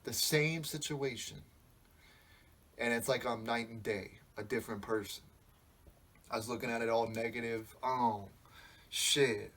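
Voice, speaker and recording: A man's voice: mid-range voice, measured pace, long pauses, fairly bright tone. Rambling, profane young man. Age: 20s. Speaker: podcast host. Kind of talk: casual podcast monologue.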